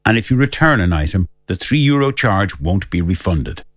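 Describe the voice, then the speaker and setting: A man's voice: sits low, sing-song, normal speed, fairly bright tone, dry recording, studio quality. A man reading a scripted public information advert as a voice-over.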